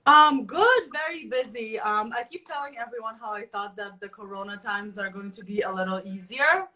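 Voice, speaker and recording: A woman's voice: a little high, moderate pace, bright, forceful tone, poor audio. Chatty woman founder from Poland. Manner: chatty, many fillers, laughs easily. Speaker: guest, company founder. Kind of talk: casual interview conversation.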